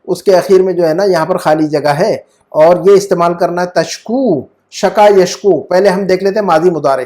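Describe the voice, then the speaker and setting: A man's voice: high-pitched, mellow. A man teaching Arabic grammar in a one-on-one online lesson, patient, checking often that his student follows. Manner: patient, asks frequent check questions. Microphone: video call.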